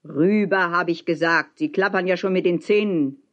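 A woman voicing a stubborn, loud old bargeman who talks in a blunt, grumbling way. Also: fairly low pitch, normal speed, highs cut off, close to an everyday voice. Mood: gruff.

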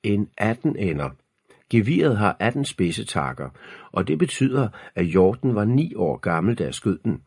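A man playing a gruff farmer uncle. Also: lowish voice, big pitch swings, a little mellow, dry recording, studio quality, voice pushed up, exaggerated voice. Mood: explaining. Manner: brusque, teasing. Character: gruff middle-aged pig farmer and hunter uncle.

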